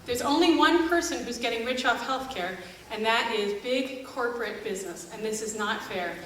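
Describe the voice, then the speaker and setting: Slightly high and fairly bright, the voice of this middle-aged American woman moves at a normal speed. A family doctor speaking out as an activist, she addresses the audience with sarcasm and exasperation at a live church concert event, heard from afar in a noisy, echoey hall.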